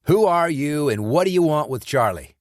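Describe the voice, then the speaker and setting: A man voicing a tough former soldier in an audiobook thriller, speaking in clipped, forceful commands. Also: fairly low pitch, big pitch swings, normal speed, slightly rough, no echo, studio quality, full character voice.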